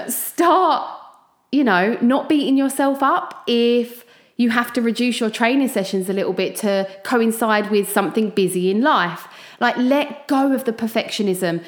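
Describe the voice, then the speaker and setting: Echoey Essex woman podcaster. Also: a little high. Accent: Essex English. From Essex, England. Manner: informal pep talk addressed straight to listeners. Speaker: podcast host. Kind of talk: chatty solo motivational podcast. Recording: echoey room.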